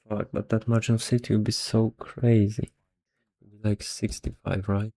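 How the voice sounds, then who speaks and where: Here a lowish, warm male voice is heard with no room sound. The speaker, an investor explaining stock valuations, seems a little tired and mulls things over casually, hesitating and half talking under his breath.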